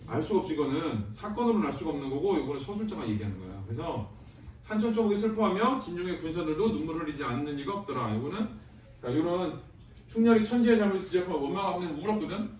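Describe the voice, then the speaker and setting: A high-pitched man lectures on a classic novel, turning its old lines into casual talk and quizzing the room with rhetorical questions. He sounds distant from the mic, in a very echoey space with faint noise behind him. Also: animated, fast, a little mellow. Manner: explains with casual paraphrase and asks rhetorical questions. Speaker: Korean literature teacher.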